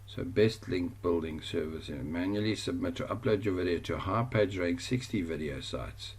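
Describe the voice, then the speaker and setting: Sharing his screen for an online course, a South African-accented man speaks in a low, slightly rough voice at normal speed. He's chatty and rambling, frequently stopping to correct himself.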